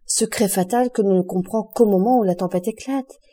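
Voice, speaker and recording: A woman reading the part of a grave, loyal young male friend, speaking in an earnest, measured way in an audiobook. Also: high-pitched, mellow. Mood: urging.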